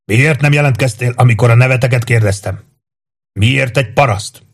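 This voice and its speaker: A man voicing a gruff veteran commander who barks scornful orders at exhausted soldiers. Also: medium pitch, voice pushed up, natural voice. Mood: commanding. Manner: barking, scornful.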